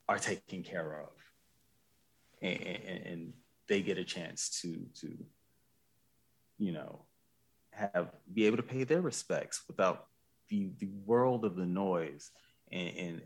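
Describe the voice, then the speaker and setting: Podcast co-host, man with a deep gravelly voice, reflective and earnest. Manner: reflective, earnest, many restarts. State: choked up with emotion. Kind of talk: casual conversation.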